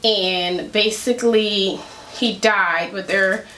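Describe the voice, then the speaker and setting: A woman's voice: mid-range voice, steady tone, slow, bright, forceful tone, slight background noise. A woman vlogging from home, chatting casually and giving her opinion with rambling asides. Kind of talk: casual commentary to camera. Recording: echoey room.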